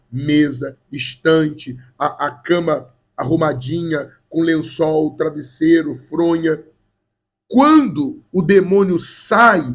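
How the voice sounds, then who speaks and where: With a slightly high, breathy voice, a Brazilian pastor with a Rio de Janeiro accent preaches to his church. He has a cold and hammers his points home through repetition and direct address to the congregation.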